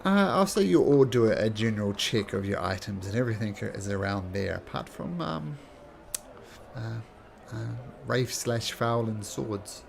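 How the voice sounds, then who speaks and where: A man's voice: fairly low pitch, lively intonation, moderate pace, vocal fry, background noise. A man improvising narration as the game master of a tabletop role-playing game.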